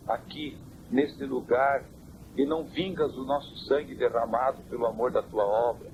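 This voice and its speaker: A church elder on a hissy, worn old cassette tape, answering questions about doctrine with measured, scripture-quoting speech. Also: male voice, mid-range voice, muffled recording. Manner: measured, quotes scripture in a preaching cadence. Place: family home.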